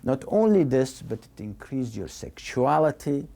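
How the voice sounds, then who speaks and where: Slow, dark-voiced older male doctor. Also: medium pitch, big pitch swings, creaky. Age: 60s. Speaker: doctor interviewed. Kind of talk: interview answers.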